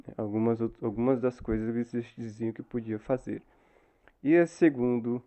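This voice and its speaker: A man's voice: mid-range voice, dark tone. A man with a Brazilian Portuguese accent giving a Bible lesson to new converts, explaining patiently and ending many phrases with a questioning tag. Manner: explanatory, tags phrases with frequent "né?". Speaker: church Bible teacher.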